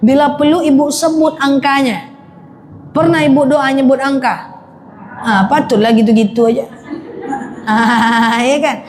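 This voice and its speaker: Woman preacher, high voice, lively and joking, faint background hiss. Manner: lively, jokes with the congregation, addresses them as Bu. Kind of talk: religious lecture to women.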